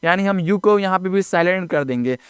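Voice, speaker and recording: A man's voice: sits high, a little fast, smooth, no room sound, clean studio sound. A man teaching English phonics step by step, spelling words out letter by letter and often checking in with "ठीक है ना". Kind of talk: classroom-style phonics lesson.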